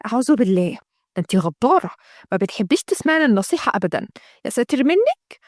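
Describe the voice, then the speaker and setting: A woman's voice: fairly high pitch, big pitch swings, fast talker, no echo, clean studio sound. Marwa, a woman doing a preachy Egyptian sister. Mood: lecturing. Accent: Egyptian Arabic. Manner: lecturing, moralizing.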